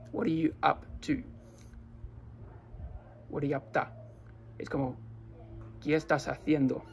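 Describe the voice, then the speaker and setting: An Australian man with an Australian accent, explaining everyday phrases to viewers in slow, careful non-native Spanish and repeating his examples. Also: on the high side, darkish tone, a little hiss or hum. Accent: Australian English. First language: English. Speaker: language teacher.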